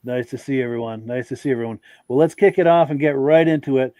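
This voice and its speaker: A man hosting a live podcast, briskly reading out viewer greetings. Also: mid-range voice, warm tone, no echo. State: out of breath. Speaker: podcast host. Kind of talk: live podcast welcome and chat.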